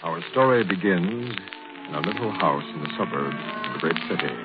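An actor playing an ominous storyteller, a vintage horror narrator telling a radio murder mystery in a hushed, suspenseful, drawn-out way. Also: male voice, deep voice, expressive. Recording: phone-like old radio, loud music.

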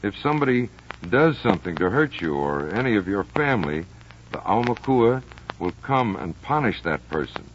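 Man acting earnest, ominous superstitious friend, low-voiced. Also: very animated, normal speed. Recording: dull vintage recording with faint noise.

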